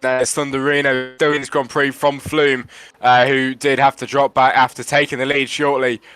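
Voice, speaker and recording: A man's voice: mid-range voice, flat delivery, normal speed, fairly bright tone, soft background music. A man giving live motor racing commentary on an online race.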